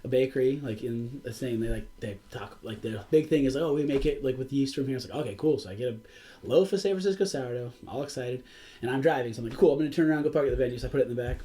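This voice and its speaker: A man in a band telling tour stories in a casual, laughing podcast chat. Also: medium pitch. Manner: animated, laughing, quick storytelling. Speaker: band member. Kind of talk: casual storytelling.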